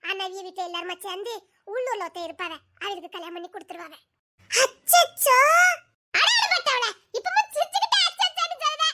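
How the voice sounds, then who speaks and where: A woman's voice: extremely high pitch, sharp tone. A woman, playing two teasing girlfriends in a comedy skit with playful, melodramatic chatter. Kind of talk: village comedy skit dialogue.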